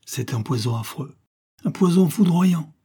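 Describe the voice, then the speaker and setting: A man's voice: medium pitch, flat delivery, a little slow, darkish tone. A man voicing a group of alarmed chemists in a story reading, declaiming urgently and solemnly. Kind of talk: audiobook character voice.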